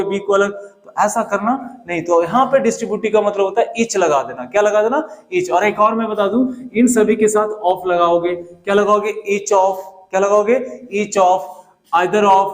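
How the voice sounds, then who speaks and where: A man teaching an English grammar lesson in a classroom. He keeps asking his students questions and repeats the English examples slowly. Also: high voice. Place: classroom with a whiteboard.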